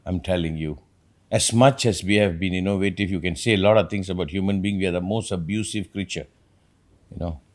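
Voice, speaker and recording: A man hosting a reflective talk, an animated storyteller who acts out quotes as he rambles through his points. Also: low-pitched, brisk. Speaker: podcast host.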